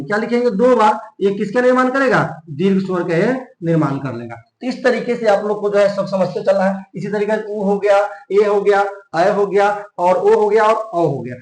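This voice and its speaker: Young man, grammar teacher, high voice, repeats questions and answers them, stretches vowels, echoey room. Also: a little fast, hardly any pauses. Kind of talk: classroom lesson explaining slides.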